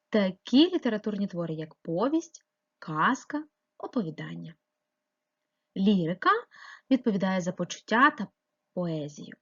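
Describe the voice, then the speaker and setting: A woman's voice: medium pitch, breathy edge, highs cut off. A woman teaching a primary school class remotely, explaining step by step and asking patient questions. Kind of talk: remote lesson narration.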